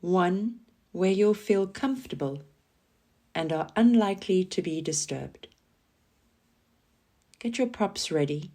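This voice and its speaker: In a calm, soothing way, a woman with a fairly low voice guides a scripted yoga nidra relaxation meditation. She gives gentle instructions with pauses in between.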